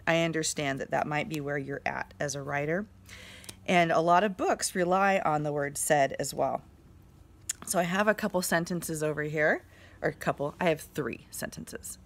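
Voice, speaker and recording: A mother and teacher giving a slow, encouraging grammar lesson to young children, with fillers as she explains. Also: deep voice, gravelly.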